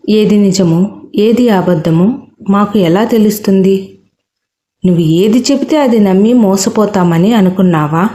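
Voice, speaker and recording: A stern, suspicious male teacher , as a woman storyteller puts him on presses a girl with sharp questions in a storybook reading. The tone is mellow and warm rather than gruff, and it sits at a medium pitch. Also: moderate pace, close to an everyday voice. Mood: angry. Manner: interrogating, rising to anger.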